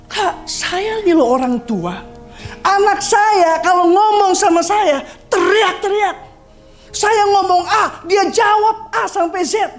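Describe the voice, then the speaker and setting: A woman's voice: extremely high pitch, slow pace, faint music behind, voice pushed up, full character voice. A woman playing an indignant, aggrieved mother. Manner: aggrieved and protesting, voice rising to shouts. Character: hurt, indignant older mother complaining about her son.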